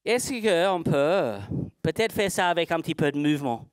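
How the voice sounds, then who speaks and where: Speaking slightly broken French during a live seminar demonstration, a horse trainer asks himself rhetorical questions and then answers them. His voice is a little high and smooth, with lively intonation and moderate pace, captured in clean studio sound with no room echo.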